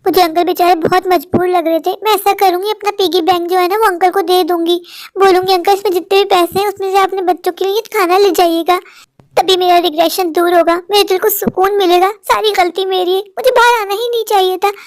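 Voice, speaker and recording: A very high-pitched cartoon schoolgirl. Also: steady tone, no room sound, studio quality. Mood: remorseful. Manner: quick sharp scolding. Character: schoolgirl daughter, hot-tempered, then remorseful. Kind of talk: cartoon voice acting.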